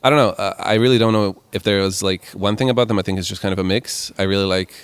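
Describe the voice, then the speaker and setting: Guy in his 20s, lowish smooth voice, rambly and laid back, lots of likes. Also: fast, no room sound. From Croatia. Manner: relaxed, rambling with many "like" and "kind of" fillers. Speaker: musician guest. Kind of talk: casual interview answers.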